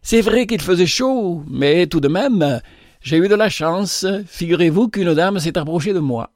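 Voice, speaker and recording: A man voicing a flustered young soldier who protests and tells his tale excitedly. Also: sits high, unhurried, dry recording, clean studio sound, voice pushed up.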